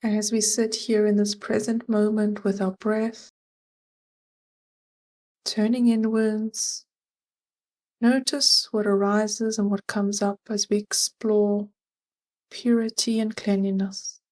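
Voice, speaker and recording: Speaking in a mid-range voice with a level tone, a woman guides a scripted meditation. Her instructions are gentle, measured and soothing.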